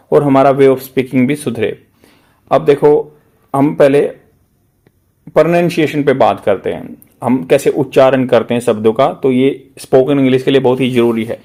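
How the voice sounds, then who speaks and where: A man's voice: mid-range voice, darkish tone. Man drilling English pronunciation. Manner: slow, drawn-out word-by-word pronunciation drills; mixes Hindi explanation with English words. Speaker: English teacher. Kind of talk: newspaper vocabulary lesson.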